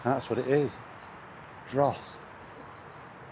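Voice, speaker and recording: Walking along beside traffic, with street and vehicle noise around him, a British man who vlogs about gaming delivers a sweary, blunt, scornful rant. He speaks very slowly in a medium-pitched voice that barely moves in pitch.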